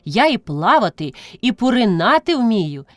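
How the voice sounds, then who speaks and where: A woman voicing a playful little village boy who boasts and shouts eagerly in an audiobook. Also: on the high side, big pitch swings, unhurried, no room sound. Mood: eager boasting.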